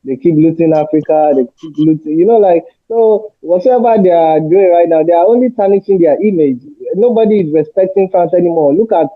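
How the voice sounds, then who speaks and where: A man's voice: fairly high pitch, fairly quick, hardly any pauses, dry recording. A man speaking as a panel guest on a remote call, his voice muffled as if heard through a wall, hesitant with many fillers and restarts. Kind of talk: casual discussion. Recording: muffled, tinny call line.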